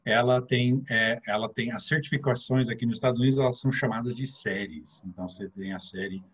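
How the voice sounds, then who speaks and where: A brisk, husky, somewhat bright mid-range voice with a steady tone belongs to a middle-aged man from São Paulo's interior, speaking its Brazilian Portuguese accent. As a guest financial advisor, he goes through each step in order, peppering his talk with many filler sounds.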